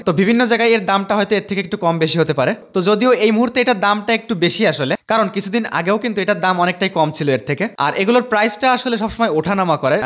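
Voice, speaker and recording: A man's voice: sits high, fairly bright tone. A man explaining a microphone setup and sound test to his viewers, recorded on a desk microphone. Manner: explanatory, addresses viewers directly. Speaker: tech reviewer. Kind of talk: product review and sound test. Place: at a desk indoors. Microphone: desk USB dynamic microphone on an arm stand.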